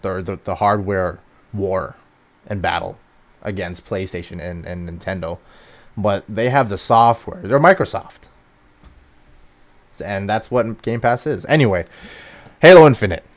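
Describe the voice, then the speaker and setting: A man co-hosting a gaming news podcast, talking in an excitable, rambling way with many fillers. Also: sits low, a little slow, pauses often. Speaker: podcast co-host. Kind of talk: casual chat.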